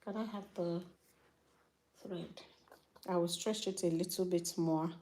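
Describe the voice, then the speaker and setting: A middle-aged woman explains hair care in a slow, easy way, her voice sitting fairly low. She talks loosely, with a few fillers, as her hands work. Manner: relaxed, chatty, with fillers. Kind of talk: casual hair tutorial.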